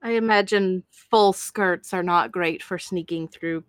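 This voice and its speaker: Slow-talking woman player, thinking aloud. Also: on the low side, smooth. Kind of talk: casual chat in a tabletop game.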